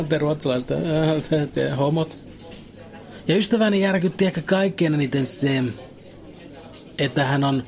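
A man with a mid-pitched voice delivers a deadpan comic monologue. His telling is dry and ironic throughout.

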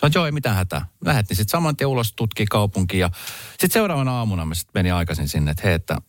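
Lively-voiced male radio host. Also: on the low side, dry recording, clean studio sound. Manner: animated, chatty storyteller. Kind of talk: casual on-air storytelling. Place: radio studio. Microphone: studio microphone.

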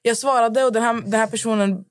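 Animated young woman telling a story. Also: fairly high pitch, no room sound. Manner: animated storyteller, acts out both sides of chats. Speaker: podcast co-host. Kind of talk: casual chat.

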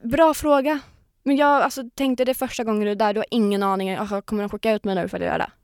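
A young former reality star appears on a podcast, chatting and telling a story with acted-out lines and casual swearing. She speaks at a medium pitch with a clean tone, and there's no room sound at all.

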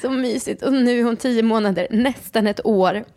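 A woman's voice: fairly high pitch, dark tone. A woman in her thirties hosting a podcast, talking candidly and animatedly about life with her baby, laughing often. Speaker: podcast host and new mother. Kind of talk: casual podcast chat.

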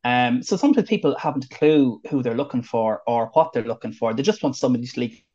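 An Irish man talks quickly and chattily, full of little fillers and restarts. The sound is dull and lo-fi, and his pitch sits in an ordinary middle range. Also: expressive, mellow, breathy edge. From northwest of Ireland. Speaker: wedding celebrant. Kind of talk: casual interview chat. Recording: dull lo-fi audio.

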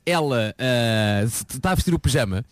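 A man in his forties from Lisbon with a European Portuguese accent, co-hosting a morning radio chat and telling stories in an animated, playful way. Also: medium pitch, moderate pace, dry recording. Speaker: radio co-host. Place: radio studio.

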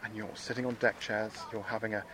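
A man's voice: lowish voice, flat delivery, quick pace. An Irish-accented man doing casual interviews on location as a roving radio reporter. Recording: faint outdoor background noise.

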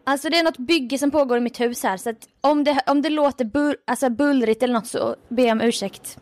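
A woman with a fairly high voice talks casually on a podcast, retelling her night-radio shifts. She tells her stories in an animated way and laughs easily between them. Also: dry recording. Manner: animated storyteller, reads listener mails aloud, laughs often. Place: home with building work going on.

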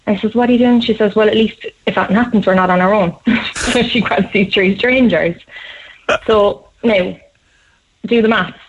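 A young woman in her twenties with a Cork Irish accent, telling a story quickly and animatedly on a radio show, often laughing. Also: mid-range voice, slight background noise. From Cork, Ireland. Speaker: guest storyteller. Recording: slightly dull radio sound.

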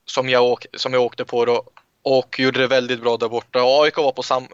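Young man, interview guest, halting storyteller with restarts; dull dry recording. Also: mid-range voice, level tone, clear, resonant tone, no echo. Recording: muffled lo-fi sound, dry.

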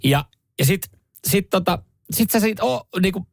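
A man hosting a morning radio show, telling stories in a lively, chatty way and imitating sounds. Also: high-pitched, gravelly, dry recording, studio quality. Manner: animated storytelling, mimics sounds. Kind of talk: casual radio banter. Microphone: studio microphone.

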